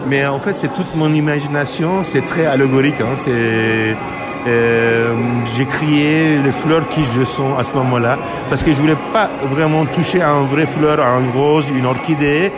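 A man in his fifties from Turkey, speaking as a painter in a radio interview, halting and searching for words with many fillers. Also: mid-range voice, over loud music. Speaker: painter and artist.

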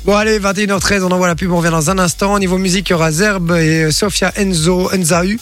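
A man hosts live radio banter in a high, lively voice, joking and stumbling over his fillers. Faint music plays behind him in the studio. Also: fast. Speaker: radio host.

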